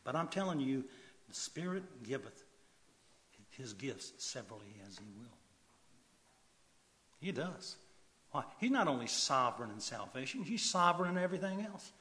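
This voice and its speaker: A man preaching a sermon in an animated way, swinging from loud emphasis to quiet asides. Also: mid-range voice, moderate pace, pauses often. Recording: long hall reverb.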